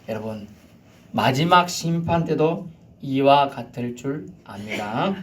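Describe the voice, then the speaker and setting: A man preaching a sermon, swinging from loud shouted commands down to near-whispers. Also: mid-range voice. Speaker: pastor.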